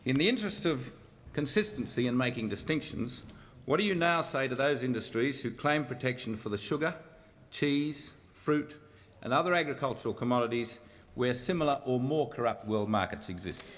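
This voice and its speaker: A man's voice: mid-range voice, animated, normal speed, fairly bright tone. An Australian man, a member of parliament, putting a formal, pointed question. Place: large parliamentary chamber. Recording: reverberant parliament chamber.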